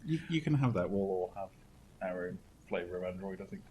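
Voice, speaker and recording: A man with a very deep voice co-hosts a podcast chat. His talk is wry and sarcastic, and a faint rumble sits behind him. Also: lively intonation, a little fast, darkish tone, rough recording. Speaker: podcast co-host. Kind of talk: casual chat.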